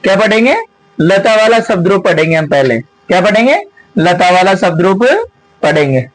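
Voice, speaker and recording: A man's voice: high voice, animated, normal speed, no room sound, low-quality recording. A man teaching Sanskrit grammar, reciting word forms in a sing-song drill, repeating each set and asking his students rhetorical questions. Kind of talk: online grammar lesson with chanted recitation.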